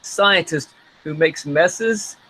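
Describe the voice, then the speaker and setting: A man teaching an online science class with live demonstrations, telling stories in an animated way and acting out little scenes. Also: on the high side, a little hiss or hum, poor audio. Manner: animated storytelling, acts out scenes in quick asides.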